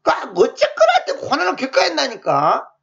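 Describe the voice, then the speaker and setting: A male pastor preaching a sermon in a colloquial, animated way full of rhetorical questions. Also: very high-pitched, quick pace, vocal fry. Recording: muffled lo-fi sound.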